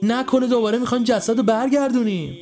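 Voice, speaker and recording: A man's voice: very high-pitched, darkish tone, voice pushed up. A man voicing an irritated, short-tempered grown son in a narrated horror story. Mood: exasperated. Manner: exasperated, snappy.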